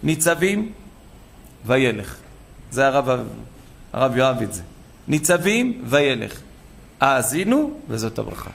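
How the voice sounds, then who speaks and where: A man's voice: medium pitch, very animated, creaky, long pauses. A man preaching a sermon as a rabbi, telling a story with acted-out dialogue and building to emphatic calls.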